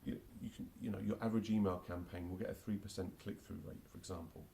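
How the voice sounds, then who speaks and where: A gravelly, low-pitched Londoner in his forties gives casual interview answers at a quick pace in a dark, steady tone. He's a marketing automation specialist from England, hesitant with many restarts and fillers, and there's a little hiss or hum.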